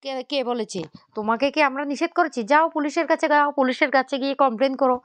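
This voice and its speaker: A woman's voice: a little high, quick pace, no echo, natural voice. A woman reading as a stern older mother-in-law. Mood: insistent.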